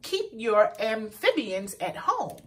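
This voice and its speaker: A children's storyteller reads a picture book aloud in an animated, high-pitched yet husky woman's voice. Her delivery is expressive and deliberate for kids, and she pauses to point out words to her young listeners.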